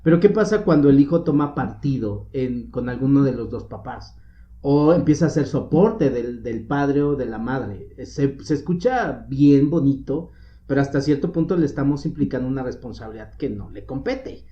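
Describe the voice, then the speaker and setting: A man moderating a casual podcast chat, relaxed and joking as he asks guiding questions. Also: mid-range voice, moderate pace. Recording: roomy, dull lo-fi audio.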